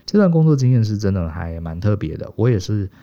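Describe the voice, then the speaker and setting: A middle-aged man from Taiwan telling stories casually as a podcast co-host, animated and chuckling. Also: lowish voice, quick pace. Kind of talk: casual storytelling. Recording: dull, muffled podcast audio.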